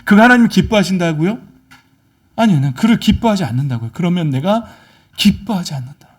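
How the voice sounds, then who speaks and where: A man preaching a sermon as pastor, animated, swinging between loud exhortation and soft asides. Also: sits high, fairly quick, slightly rough.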